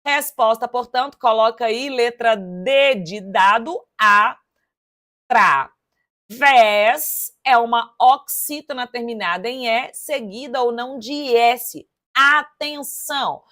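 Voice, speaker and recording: A woman teaching for an exam, working through test questions aloud in a lively, chatty way and speaking straight to her students. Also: on the high side, slow. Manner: lively and chatty, addressing students directly, counting syllables aloud. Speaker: Portuguese teacher.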